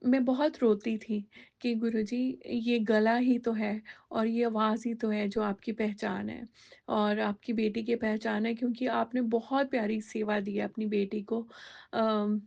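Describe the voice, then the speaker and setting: A woman tells a personal devotional testimony in a loose, conversational way, dropping English words in among many fillers. Her voice sits fairly high and has a gravelly edge. The recording sounds dull and lo-fi. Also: a little mellow.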